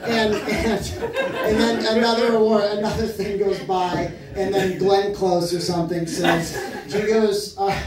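A stand-up comedian with a rather high voice rambles through his set, stalling on fillers and starting his sentences over. He sounds set back from the mic in a very echoey live venue, with a loud crowd laughing behind him. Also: little pitch movement, recorded from a distance. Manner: rambling, halting delivery with many fillers and restarts. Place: comedy club stage. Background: audience laughter.

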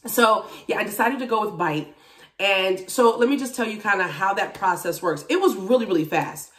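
Around forty, this vlogger and TV and radio personality speaks to camera at home in a mid-range voice and a moderate pace. She's frank, expressive and emphatic as she talks casually about her personal journey. The small room and distant camera give a roomy echo.

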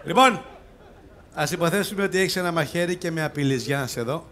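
On an open-air theatre stage, a comic actor leading a live sketch plays a domineering police self-defence instructor, ridiculing and telling off the other players. His voice sits a little high and is lightly acted, with a noisy background behind it.

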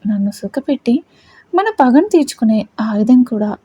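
A woman's voice: on the high side, lively intonation, moderate pace, mellow, husky. A woman voicing a cruel, vengeful young husband who speaks harshly. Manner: angry, harsh.

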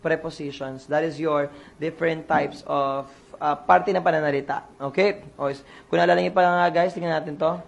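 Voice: mid-range voice, fairly even intonation, normal speed, gravelly. A coach running an online exam review lesson, quizzing the listeners and repeating each answer to drill it in.

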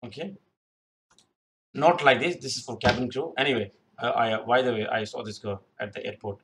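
A young YouTube career advice host gives unscripted interview tips over a screen-share tutorial, rambling, repeating himself and using many fillers. He records on a webcam shown in the corner of the screen recording in a small room. His voice is medium-pitched, fairly quick and fairly bright, with a little hiss or hum.

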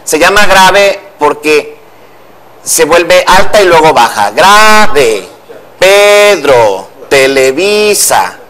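Male language commentator from Mexico, fairly high voice, methodical teacher's delivery, TV news studio. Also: expressive, takes it slowly, crowd noise. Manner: didactic, patient, explains step by step. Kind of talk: explaining spelling rules on air.

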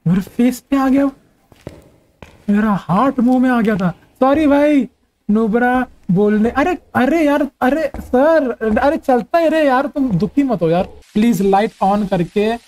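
A man's voice: extremely high pitch, rough recording. A young man giving jokey, easily frightened commentary while playing a horror game. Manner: jumpy, jokey, often shouting in fright. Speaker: gaming streamer.

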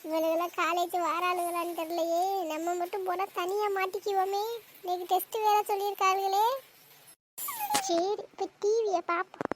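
A woman's voice: very high-pitched, level tone, moderate pace. A woman voicing a sulky teenage college girl in a cartoon who whines and pleads for a day off. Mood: whiny.

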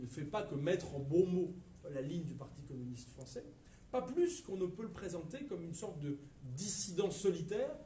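A man with a French accent giving a history lecture to a live audience, lively and digressive, with hesitations and asides to the listeners. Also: high voice, a little hiss or hum. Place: lecture room at a university research center. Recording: echoey lecture room from far off, faint ambience.

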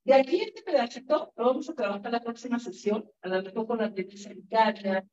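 A woman's voice: on the high side, lively intonation, a little fast, darkish tone, a little hiss or hum. A woman with a Mexican Spanish accent teaching a workshop as a lawyer, in an informal lecture style full of anecdotes, often tagging her sentences with "¿no?". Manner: chatty, tags questions with "¿no?", digresses into stories. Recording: dull lo-fi recording.

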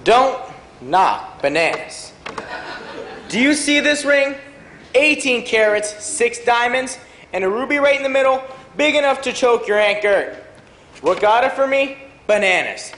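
A man's voice: very high voice, big pitch swings, unhurried, a bit bright, full character voice. A man playing a brash banana tycoon. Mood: boastful. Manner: boastful, brash. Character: boastful self-made banana businessman. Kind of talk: stage monologue. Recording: echoey auditorium.

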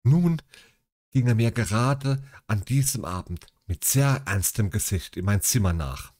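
A man's voice: fairly low pitch, expressive, a little slow, darkish tone. A man reading a classic detective story aloud, breaking in with mocking asides. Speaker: audiobook reader.

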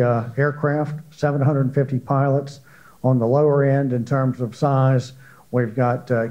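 An older man moderates a panel in a large conference hall, talking into a handheld mic. His tone is mellow and relaxed, and he chats along loosely with plenty of "uh"s. The recording sounds a little dull. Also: mid-range voice. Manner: conversational, asks questions with frequent fillers.

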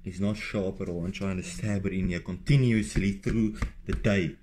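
A man's voice: low-pitched, steady tone, moderate pace, mellow, a little hiss or hum. A young man chatting casually to his phone camera at home and in the gym, joking, swearing and complaining. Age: young adult. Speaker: fitness vlogger. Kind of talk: casual vlog chat to camera.

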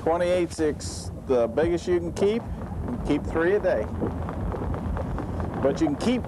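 A middle-aged man, chatting casually while fishing from an open boat. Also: high voice. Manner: laid-back, drawling, chuckles often. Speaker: fishing guide. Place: open boat on a bay, outdoors. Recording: windy outdoor boat noise.

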